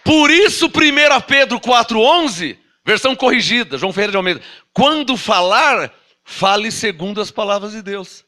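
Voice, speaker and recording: A man preaching a sermon as an apostle with a Brazilian Portuguese accent, animated and full of rhetorical questions, acting out doubters. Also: high voice, moderate pace.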